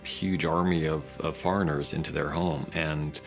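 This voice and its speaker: A man's voice: extremely low pitch, steady tone, unhurried, faint music behind. A man giving behind-the-scenes interview commentary on a drama series. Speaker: series creator commenting on episode.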